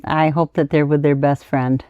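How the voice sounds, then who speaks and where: A woman's voice: low-pitched, flat delivery, moderate pace, dry recording, dull audio. A woman in her sixties, plain-spoken and folksy, chatting casually as an interview guest. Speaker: auctioneer being interviewed.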